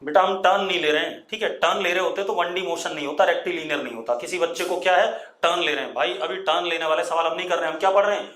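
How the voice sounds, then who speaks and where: A man with an Indian accent teaching physics in an online class, strict and scolding, dictating terms slowly. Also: fairly high pitch, a bit bright, echoey room. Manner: strict, scolding, addresses students as 'beta'; slow dictation of terms, drawn out.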